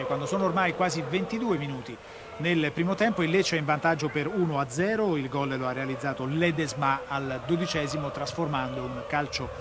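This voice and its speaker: A male Italian play-by-play commentator calls a live football match. His voice sits a little high, and clear stadium noise runs behind it. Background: stadium ambience.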